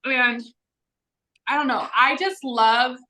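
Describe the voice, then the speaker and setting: A woman's voice: high voice, slow, pushed and bright. A young woman in a casual Q&A chat with a friend, speaking informally with slang and lots of "like". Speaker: vlog co-host.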